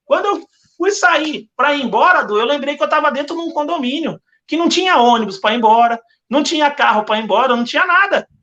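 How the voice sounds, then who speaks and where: A man's voice: extremely high pitch, lively intonation, fast talker, sharp tone, lo-fi sound. A man with a Brazilian Portuguese accent giving an earnest religious testimony as a podcast guest, telling his story with lots of repetition.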